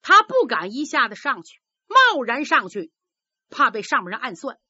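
A woman's voice: high voice, huge pitch swings, normal speed, pushed and bright, husky, no echo, lo-fi sound. A woman telling a traditional story vividly, acting out sound effects with her voice.

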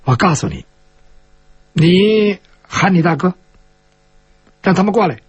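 A man storyteller voicing a stern young swordswoman who gives curt, threatening orders in a lowered voice. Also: animated, a little slow, breathy edge, no room sound, full character voice.

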